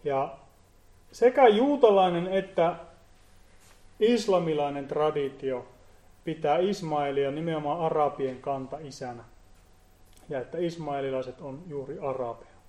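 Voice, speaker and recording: A man giving an earnest Bible teaching, often pausing and repeating words as he explains. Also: fairly high pitch, warm tone, echoey room. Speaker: preacher.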